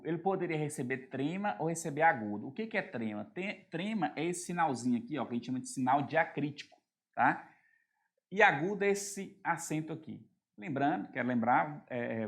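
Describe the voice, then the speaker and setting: A man with a Brazilian Portuguese accent teaching an exam-prep grammar lesson, explaining step by step and often checking that students are following. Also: a little high.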